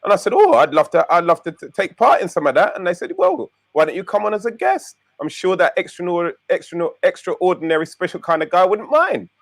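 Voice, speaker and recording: Jovial man, higher voice, dry sound. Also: big pitch swings, brisk, gravelly, few pauses, dry recording. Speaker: guest. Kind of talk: casual banter.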